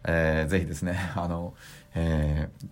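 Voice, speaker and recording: A man teaching voice technique on his own podcast, speaking with a deliberately deep chest resonance and demonstrating sounds as he explains. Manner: lively, instructive, demonstrates vocal sounds. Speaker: voice trainer. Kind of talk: podcast voice lesson.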